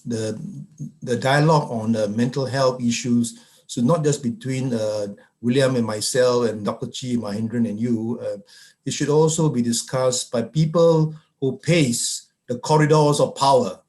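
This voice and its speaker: Over a video call, a Malaysian psychiatrist on a webinar panel fires off rhetorical questions, halting and restarting as he goes. His voice is medium-pitched, steady in tone, and a little mellow.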